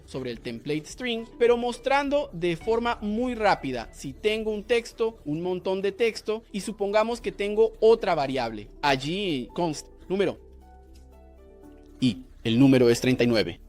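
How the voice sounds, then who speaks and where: A man teaching a coding lesson, explaining each step and asking rhetorical questions to the viewer. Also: sits high. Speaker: programming instructor. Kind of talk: screen-recorded coding lesson.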